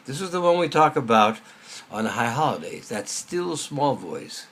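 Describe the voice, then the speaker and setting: A man's voice: medium pitch, normal speed. A man, a rabbi, giving a spoken lesson in a conversational, storytelling manner. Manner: animated, conversational teaching.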